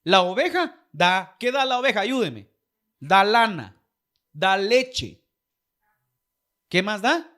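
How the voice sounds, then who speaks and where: A man's voice: high-pitched, very animated, takes it slowly, pauses often, bright, forceful tone. A man preaching a sermon as pastor, with a Guatemalan Spanish accent, putting questions to the congregation.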